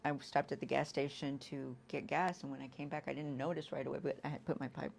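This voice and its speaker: A woman giving a candid personal recovery testimony. She talks in a halting way, restarts often and leans on "you know". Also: very deep voice, flat delivery, creaky, a little hiss or hum. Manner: acts out quoted lines with sudden loud bursts. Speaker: guest sharing an addiction recovery story.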